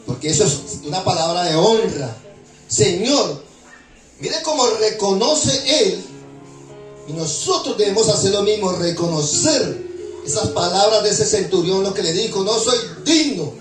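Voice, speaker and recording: A man preaching a sermon in a high voice, pausing to call out questions for the congregation to answer back. He sounds distant from the microphone in a roomy, echoing hall. Music plays clearly behind his voice. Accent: Latin American Spanish. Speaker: pastor. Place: church hall. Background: background music.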